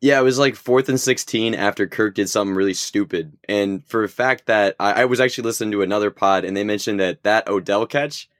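A young man from Missouri with a light Midwestern accent, a guest on a sports podcast, joking and quick. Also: fairly low pitch, fairly bright tone, no echo, clean studio sound. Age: young adult. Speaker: guest analyst. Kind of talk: casual sports podcast chat.

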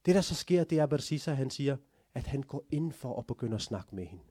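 A man giving a storytelling sermon as a religious lecturer, telling the story with animated, rising emphasis. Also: mid-range voice, breathy edge, no room sound, clean studio sound.

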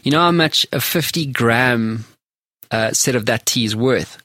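A man's voice: medium pitch, a little slow, sharp tone, no echo. A man hosting an interview podcast, chatting casually and telling anecdotes. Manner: anecdotal, storytelling. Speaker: podcast host.

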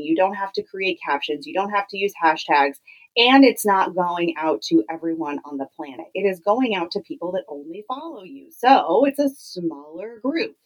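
Female podcast host, lowish voice, emphatic and conversational, explaining things directly to listeners. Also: a little mellow, low-quality recording. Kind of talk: solo podcast teaching, conversational. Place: home clothes closet used as podcast booth.

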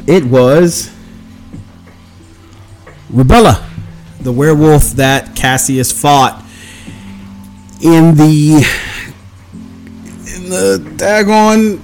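A man's voice: fairly high pitch, extremely slow, pauses often, darkish tone, faint music behind. A man casually recapping a tabletop game session as one of its players, meandering through the story and acting out quotes.

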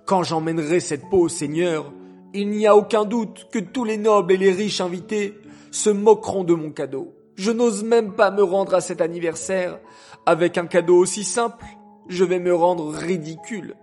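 A man's voice: high voice, moderate pace, a little mellow, soft background music, voice pushed up. A man voicing a timid, fearful poor man in a told story, anxious and pleading.

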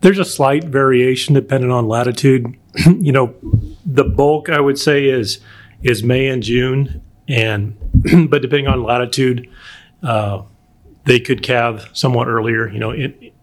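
A man giving explanatory interview answers as a livestock producer, measured and hesitant, often clearing his throat. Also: medium pitch. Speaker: bison producer being interviewed.

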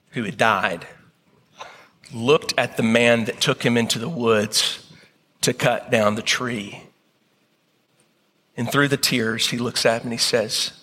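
A man preaches, unfolding a story slowly with deliberate pauses. His voice is bright and clear, and it rings out under a long hall reverb. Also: mid-range voice. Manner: dramatic pauses, slow deliberate retelling. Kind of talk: sermon storytelling.

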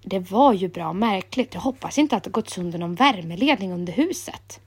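A woman calmly reading a children's story aloud in a gentle storytelling manner. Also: mid-range voice, slightly rough.

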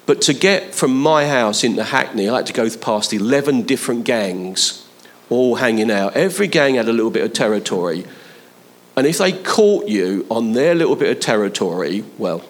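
A man's voice: medium pitch, expressive, normal speed. A man preaching a conversational sermon, building to emphatic appeals to his listeners. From London, England.

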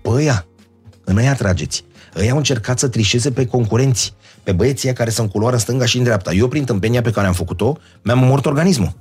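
A man chatting casually as a guest, telling stories with lively, animated delivery and sudden leaps in pitch. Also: slightly rough, faint music behind. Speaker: guest storyteller. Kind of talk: casual chat.

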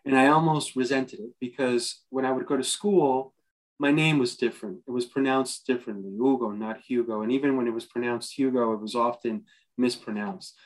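A middle-aged American man speaks as an interview guest, earnest and reflective, in a voice of middling pitch. He works his thoughts out aloud, restarting phrases and tagging them with a questioning "right?". The delivery is sincere and unhurried. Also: rough recording. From United States. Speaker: journalist guest.

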